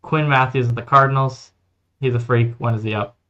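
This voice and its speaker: A man co-hosting a podcast in casual chat, briskly running through a list of names. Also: medium pitch, fairly even intonation, sharp tone. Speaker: podcast co-host. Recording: slightly muffled lo-fi recording.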